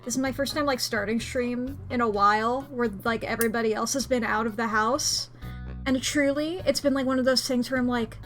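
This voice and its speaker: A woman's voice: fairly high pitch, fairly even intonation, brisk, fairly bright tone. An American woman chatting casually on a game livestream in a playful, giggly, rambling manner. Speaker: game streamer hosting a livestream. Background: background music.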